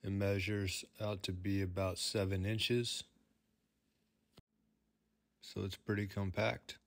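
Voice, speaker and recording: A man's voice: low voice, flat delivery, slow, no room sound. A man, a plumber, talking through a product review in an easygoing, plain-spoken way.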